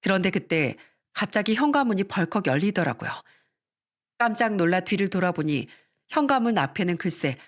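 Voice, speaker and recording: A woman narrating a dramatized first-person story in a steady, indignant tone. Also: lowish voice. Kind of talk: scripted narration.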